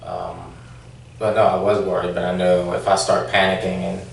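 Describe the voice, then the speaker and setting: Gravelly deep-voiced man, hesitant testimony. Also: level tone, moderate pace. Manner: hesitant, many fillers and restarts. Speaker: former police officer answering questions. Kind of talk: formal hearing testimony. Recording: echoey room, distant mic, faint noise.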